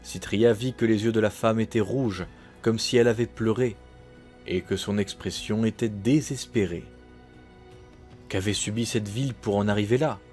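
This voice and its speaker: A man reading an audiobook in a measured, dramatic narration. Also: on the low side, steady tone, darkish tone, soft background music. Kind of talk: scripted narration.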